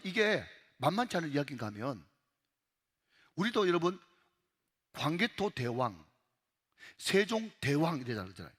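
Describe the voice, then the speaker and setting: A man's voice: sits high, fairly bright tone, breathy edge, in a large hall. A male pastor with a Gyeongsang accent preaching an emphatic sermon in a church, repeatedly calling out to the congregation. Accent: Gyeongsang Korean. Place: church sanctuary.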